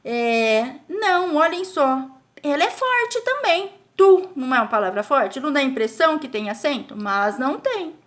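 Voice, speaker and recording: A Brazilian woman teaching a recorded spelling lesson to children. She explains slowly, stretches out syllables and keeps asking the class check questions. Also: high-pitched, sing-song, a bit bright, a little hiss or hum. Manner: speaks of herself in the third person as "a Pro". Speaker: primary school teacher.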